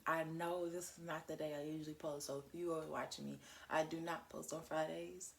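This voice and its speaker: A young woman talks straight to her viewers in a casual vlog, candid and chatty, swearing freely as she goes. Her voice sits a little low. A faint hum of room noise runs behind her. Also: level tone, brisk, creaky. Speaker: vlogger. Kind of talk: casual chat to camera.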